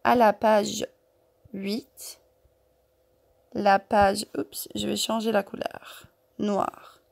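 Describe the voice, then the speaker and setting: A woman teaching a workbook lesson to young children, speaking slowly, repeating words and syllables and checking in with "ok?". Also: medium pitch, flat delivery, creaky.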